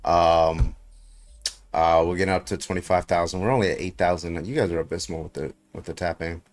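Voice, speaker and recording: A man's voice: low-pitched, little pitch movement, fairly quick. A man in his thirties hosting a casual livestream debate, talking loosely to viewers. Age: 30s. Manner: loose, laid-back chat with viewers.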